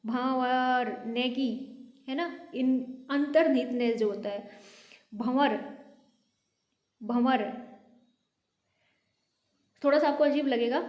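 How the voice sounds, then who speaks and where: A woman with a high, light voice gives a pronunciation lesson, saying each word again and again so learners can copy it. The room is echoey, so her voice rings a little off the walls. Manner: patient, repeats words slowly for learners. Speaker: Hindi teacher.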